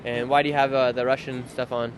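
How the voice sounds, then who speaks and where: A man doing live street interviews outdoors, asking quick, eager questions. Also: mid-range voice, flat delivery. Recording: loud street and traffic noise.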